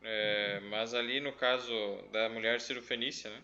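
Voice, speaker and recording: A man's voice: medium pitch, steady tone, normal speed, bright, forceful tone, muffled recording. A man leading a Bible study, reading scripture aloud and explaining it step by step, often checking in with "né?". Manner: thoughtful, explains step by step with frequent "né?".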